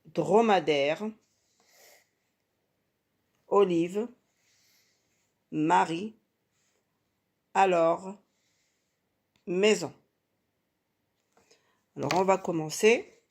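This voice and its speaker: A woman's voice: lowish voice, a little mellow. A woman giving an early reading lesson to children, sounding out words syllable by syllable and repeating them patiently. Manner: slow, syllable-by-syllable, emphatic on key sounds. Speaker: teacher.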